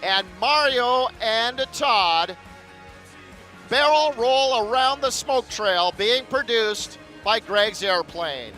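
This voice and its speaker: A man's voice: extremely high pitch, expressive, slow, sharp tone, faint music behind, rough recording. A man giving live airshow commentary in a showman's announcer manner, drawing out phrases for the crowd.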